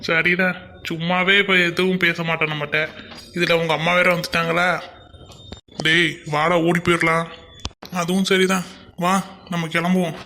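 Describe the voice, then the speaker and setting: A man's voice: fairly high pitch, flat delivery, normal speed, pauses often, sharp tone, slight background noise. A man doing joshing cartoon college guys. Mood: ribbing. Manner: joshing, ribbing. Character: teasing young college guys, a pair of friends.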